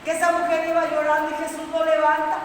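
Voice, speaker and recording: A woman's voice: sits high, monotone, fast talker. A woman preaching a sermon, asking the congregation questions and telling the story with energy. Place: church hall. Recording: echoey hall from far off, faint noise.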